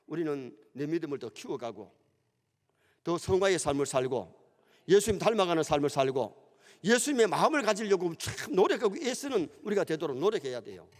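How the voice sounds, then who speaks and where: Speaking in a high-pitched male voice, a middle-aged Gyeongsang-accented Korean pastor preaches animatedly, as if telling a story. The church sanctuary adds a long, lingering hall reverb.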